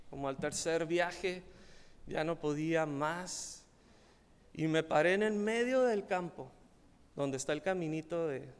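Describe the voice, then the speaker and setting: Mexican pastor guy preaching, high voice, slow and emphatic, long echo in the church hall. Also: creaky. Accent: Mexican Spanish. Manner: slow, emphatic preaching that rises when stressing points. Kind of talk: sermon with personal testimony.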